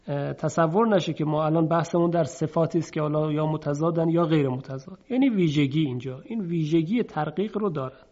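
This fairly high, slightly mellow male voice belongs to a man teaching Quranic recitation step by step, posing questions and answering them himself. He chants the example sounds slowly, and the lo-fi recording sounds dull.

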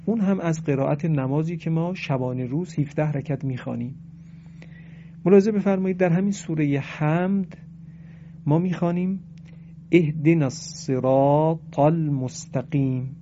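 Gravelly, dark-voiced man teaching recitation. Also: on the high side, muffled recording, a little hiss or hum. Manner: explanatory, recites Arabic verses slowly. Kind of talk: religious lesson.

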